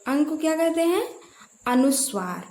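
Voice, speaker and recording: A woman's voice: high voice, very animated, moderate pace, darkish tone. A woman teaching a grammar lesson, asking her own questions and repeating key terms to drill them. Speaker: Hindi teacher. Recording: echoey room.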